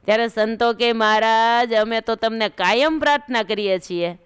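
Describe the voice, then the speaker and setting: Woman, devotional story sermon, animated telling, very clear voice. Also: on the high side, moderate pace. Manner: animated storytelling, acting out characters' cries. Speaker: religious storyteller.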